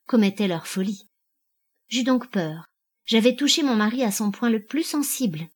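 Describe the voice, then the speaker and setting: A woman reads a first-person audiobook aloud. Her narration is measured and expressive. Her voice sits at a middle pitch.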